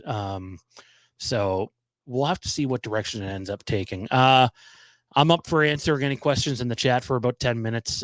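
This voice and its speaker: A man hosting a live stream in casual chat, his voice nasal and hoarse from a cold, talking haltingly with many ums and restarts. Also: fairly low pitch, dry recording. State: losing his voice. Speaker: livestream host.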